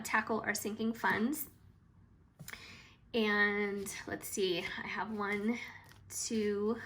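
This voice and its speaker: A woman vlogger talking casually through her cash budget, a bit hoarse and chatty, with frequent hesitations. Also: medium pitch, bright, forceful tone, a little hiss or hum. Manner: chatty and hesitant, with frequent ums and trailing asides.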